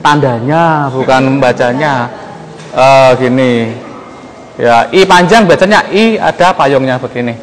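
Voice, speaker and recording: A man teaching a class on an old script, slow and halting, often stopping to quiz his listeners. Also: medium pitch, slight background noise. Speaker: lecturer. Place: museum lecture room. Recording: long hall reverb.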